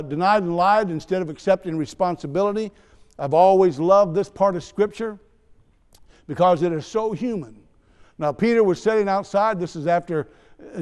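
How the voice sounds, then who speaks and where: Male preacher, high voice, chatty sermon w/ little jokes, long echo from the church room. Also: darkish tone, smooth. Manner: conversational preaching with asides and teasing. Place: church sanctuary. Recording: long church hall reverb.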